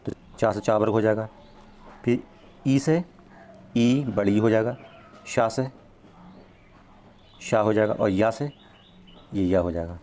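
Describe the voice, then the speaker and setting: A man's voice: on the low side, takes it slowly, pauses often, dark tone, a little hiss or hum. A man teaching an exam-prep grammar lesson, explaining step by step, drawing out the sounds he demonstrates and checking in often.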